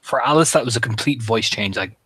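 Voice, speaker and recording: A man's voice: medium pitch, a little fast, a bit bright, husky, no echo. Casual man narrating a tabletop scene. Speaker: game master.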